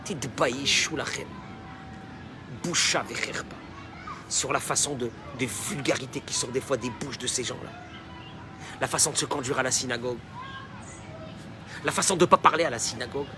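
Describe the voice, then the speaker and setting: A man preaching a sermon as a rabbi, dropping in Hebrew phrases and swinging from quiet talk to shouting. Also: medium pitch, normal speed, long pauses, background noise. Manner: mixes Hebrew phrases into his speech.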